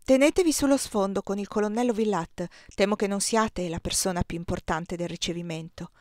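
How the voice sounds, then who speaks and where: Lady reading a formal young count giving quick polite orders, dry audiobook sound. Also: medium pitch, darkish tone, no room sound, lightly acted. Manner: polite, brisk instructions.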